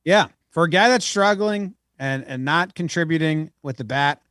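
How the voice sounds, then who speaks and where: A man's voice: fairly high pitch, moderate pace, fairly bright tone, no echo, clean studio sound. A man co-hosting a podcast, chatting casually and playfully about baseball. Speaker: podcast co-host. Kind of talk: casual sports chat.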